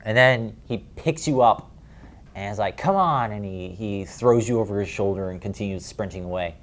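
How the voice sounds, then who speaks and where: A man's voice: on the low side, fairly even intonation, moderate pace, a little hiss or hum. A man narrating a tabletop game as game master, describing scenes in a rambling way with many fillers.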